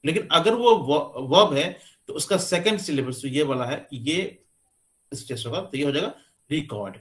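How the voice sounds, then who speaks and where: A man giving a classroom lecture, explaining slowly with many pauses and fillers as he points to what he writes. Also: on the high side, lively intonation, a bit bright. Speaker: teacher. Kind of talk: classroom lecture on English stress.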